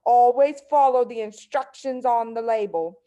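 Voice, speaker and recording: A woman's voice: fairly high pitch, measured pace, mellow, lightly acted. A woman voicing a scolding, scornful middle-aged wife and mother in a children's story, bossy and dismissive.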